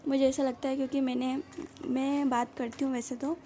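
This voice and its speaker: A woman's voice: high voice, little pitch movement, brisk, slight background noise. A woman doing a casual, chatty tarot reading straight to her viewers, reassuring and loose with filler sounds. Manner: voice comes out somewhat quiet. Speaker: tarot reader.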